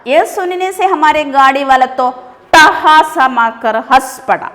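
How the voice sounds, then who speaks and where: A woman teacher with a high voice works slowly through a story for her class. She reads a line, then asks questions and glosses words in English. The voice carries a long hall reverb. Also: a bit bright. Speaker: school Hindi teacher. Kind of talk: classroom lesson explaining a story.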